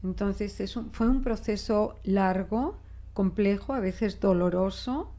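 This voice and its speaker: In a small indoor studio office, an older woman from Spain speaks into a desk microphone as the guest linguist in a conversational interview. Her Spanish carries a Spain accent adapted toward Mexican Spanish, and her gravelly, slightly raised voice stays unhurried. She comes across as expressive and reflective, with frequent restarts and gestures.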